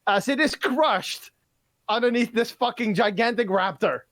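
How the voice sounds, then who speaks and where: A man's voice: very high-pitched, unhurried, fairly bright tone, dry recording. A man running a tabletop game online, narrating loosely with lots of fillers and swearing. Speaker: game master.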